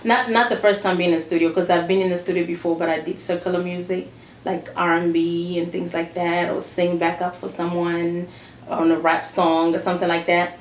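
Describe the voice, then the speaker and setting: An earnest woman from Congo DR, raised in Zambia, speaks as a gospel singer in a casual interview, with a slightly low voice. She repeats herself and laughs often. The room is echoey, with a faint noise underneath. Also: little pitch movement, a little fast.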